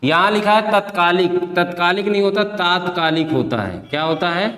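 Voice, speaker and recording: A man's voice: high voice, moderate pace, fairly bright tone. A man teaching a spelling class for exam preparation, repeating each word, asking his students questions and calling them affectionately by pet names. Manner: addresses students fondly as beta and bhaiya. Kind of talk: exam-prep class lecture. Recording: echoey classroom with long reverb.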